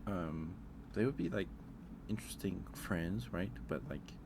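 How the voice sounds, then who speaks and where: A man with a low, animated voice streams in a casual, ASMR-like style, pausing and hedging as he thinks aloud. Clear ambient noise can be heard behind him.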